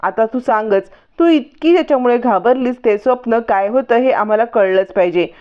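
A woman's voice: on the high side, normal speed, clean tone, natural voice. Woman voicing a middle-aged uncle, insistent, pushy, lo-fi recording. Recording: dull lo-fi recording.

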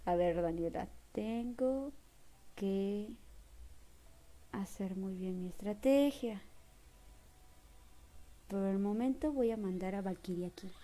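A woman's voice: mid-range voice, slow, long pauses. A young woman with a Mexican accent doing casual live gameplay commentary, thanking viewers and breaking into shrieks and laughter. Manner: excitable, bursts into shrieks and laughter, greets viewers warmly. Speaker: live-streamer.

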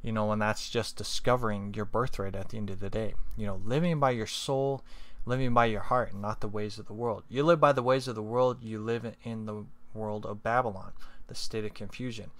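A man reading scripture and reflecting on it in a relaxed, meandering way, with many fillers and tag questions. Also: on the low side, fairly quick, no echo. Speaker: scripture reader and speaker.

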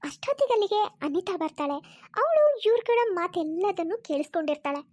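A woman narrates a cartoon story in a calm, scripted telling. Her voice is very high and moves around in pitch. The sound is dry and close. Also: brisk, no echo.

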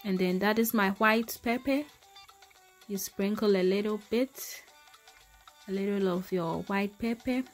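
Soft music plays as a Ghanaian woman cooks in her home kitchen for a casual demonstration, chatty and warmly calling her audience "my people" while exclaiming over the dish. Her medium-pitched voice is a little slow, with long pauses.

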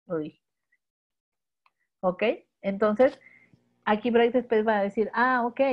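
A woman with a Mexican accent leading a live webinar tutorial, explaining step by step and checking in with her listeners. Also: medium pitch. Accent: Mexican Spanish. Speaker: instructor. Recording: dull lo-fi webinar audio.

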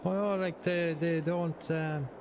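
Sweary man chatting over clear background noise. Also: a little high, steady tone, slow. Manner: colloquial, sweary. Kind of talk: casual chat. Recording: noisy voice chat with engine sound.

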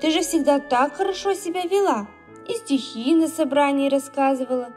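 A woman's voice: high-pitched, moderate pace, darkish tone, faint music behind, natural voice. A woman voicing a kind, caring aunt in a children's storybook reading.

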